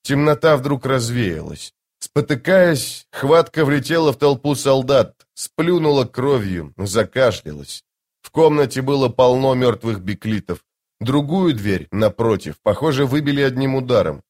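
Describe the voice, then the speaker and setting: A man narrating a fantasy audiobook dramatically, slowing down for tense moments. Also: medium pitch, lively intonation, a little mellow. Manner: dramatic, slowed for tension.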